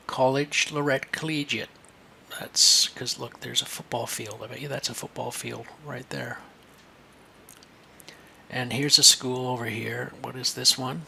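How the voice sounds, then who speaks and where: A man's voice: mid-range voice, creaky, sharp tone, a little hiss or hum. A man teaching a screen-share lesson for kids, chatty and thinking aloud as he points things out.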